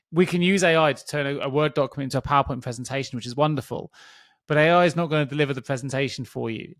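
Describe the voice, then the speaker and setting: Male podcast host, slightly higher voice, dry close sound, loose chatty delivery with restarts. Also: no room sound. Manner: conversational, many restarts, thinking aloud. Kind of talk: casual podcast conversation.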